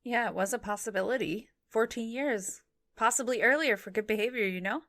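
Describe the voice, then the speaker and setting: A woman's voice: a little high, fairly bright tone. Teasing woman podcast co-host. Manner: joking, teasing, quick banter. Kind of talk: casual true-crime chat.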